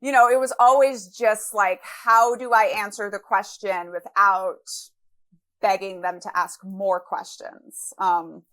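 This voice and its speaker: A woman's voice: mid-range voice, fairly even intonation, slow, a bit bright. Candid woman guest, reflective and chatty. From Brazil. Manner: candid, reflective, many fillers. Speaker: podcast guest, author. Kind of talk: casual interview conversation.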